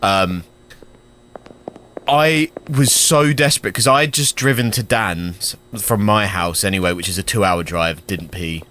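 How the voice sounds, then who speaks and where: A man co-hosting a casual chat, telling a story in a halting, giggly way. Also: low voice, sharp tone, slight background noise. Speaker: podcast co-host.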